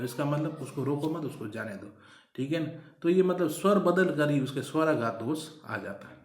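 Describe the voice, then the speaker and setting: A man teaching a college class, explaining step by step with repeated examples and drawn-out key words. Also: medium pitch. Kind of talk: recorded classroom lecture. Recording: echoey room on a phone recorder.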